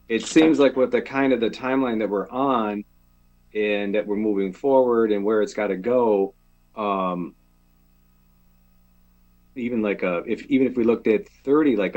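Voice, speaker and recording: A man on a city council speaks in a public meeting over a video call. He talks in a loose, conversational way. His voice sits somewhat low. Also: a little mellow, lo-fi sound. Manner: informal, conversational.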